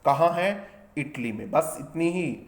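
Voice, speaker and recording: A man teaching an exam-prep class in a voice set a little high. He lays things out one step at a time, asks his listeners questions and then answers them himself, and slows right down to dictate English lines word by word. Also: expressive.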